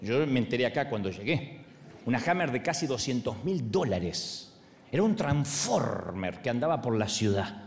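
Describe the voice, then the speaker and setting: Animated Argentine pastor preaching. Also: male voice, medium pitch, moderate pace, gravelly, a little hiss or hum. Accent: Argentine Spanish. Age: 40s. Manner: humorous storytelling, animated. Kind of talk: sermon.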